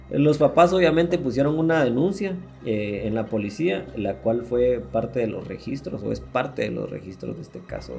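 A man's voice: mid-range voice, vocal fry, darkish tone. A man with a Guatemalan Spanish accent hosting a podcast, retelling true-crime cases in a crude, slangy way with swearing and laughter. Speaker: podcast host. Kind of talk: casual true-crime storytelling.

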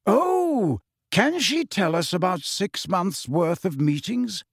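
A man voicing a calm, courteous, very old male headmaster who speaks with polite irony. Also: sits high, slightly rough, dry recording, studio quality, pitched above the performer's own voice, exaggerated voice. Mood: ironic. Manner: politely ironic, measured.

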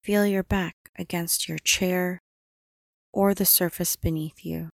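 A woman leads a body-scan meditation in a soft, soothing voice that sits a little low. She speaks very slowly, leaving long pauses between instructions. The recording is close and dry, with no room sound. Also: fairly even intonation, creaky, no room sound. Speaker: meditation guide.

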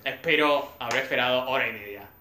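A young man with an Argentine accent, animated as he tells a story to friends and laughs along the way. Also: medium pitch, a little fast. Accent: Argentine Spanish. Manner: animated, laughs through his own story. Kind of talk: casual storytelling among friends. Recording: echoey room, faint background hum.

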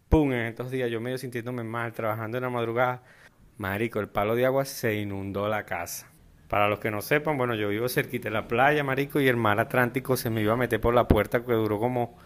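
A man with a Venezuelan accent hosting a casual solo podcast, rambling and joking in heavy slang. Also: medium pitch. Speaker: podcast host.

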